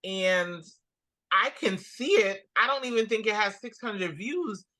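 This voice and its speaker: A Guyanese-accented woman with a mid-range voice speaks at a measured pace. She's a comedian appearing as a guest in a casual interview, animatedly telling stories and acting out the quotes.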